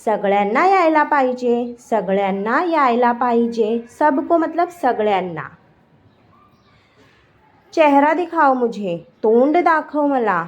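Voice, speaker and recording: Female tutor, high voice, unhurried; clear deliberate phrase-by-phrase lesson delivery. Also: animated. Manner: repeats each sentence twice, clear and deliberate. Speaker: language teacher. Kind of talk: slow phrase-by-phrase language lesson.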